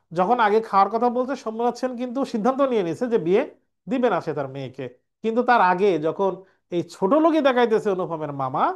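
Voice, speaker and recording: A male teacher runs an exam revision lecture, explaining step by step and answering his own questions. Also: high-pitched. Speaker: Bengali language teacher.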